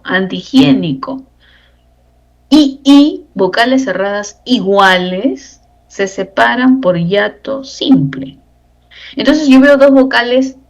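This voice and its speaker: A woman's voice: fairly high pitch, dull audio. A woman teaching a grammar lesson for exam preparation, explaining step by step and checking in with rhetorical questions. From Peru. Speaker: language teacher. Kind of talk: exam-prep lecture.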